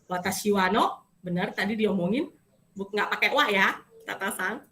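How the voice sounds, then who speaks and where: A woman teaching a Japanese language class, coaching and correcting students in a lively way. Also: medium pitch, moderate pace. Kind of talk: online class instruction.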